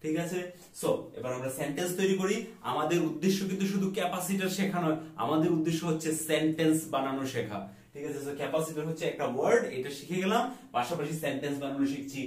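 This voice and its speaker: A man teaching an English vocabulary lesson, reading the example sentences slowly and clearly. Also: on the high side. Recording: echoey room, voice a bit far from the mic.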